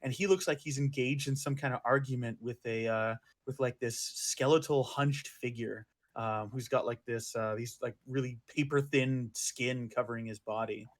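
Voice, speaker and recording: A man's voice: medium pitch, fairly even intonation, normal speed, hardly any pauses. A man running a tabletop game as game master, describing scenes with many fillers and restarts.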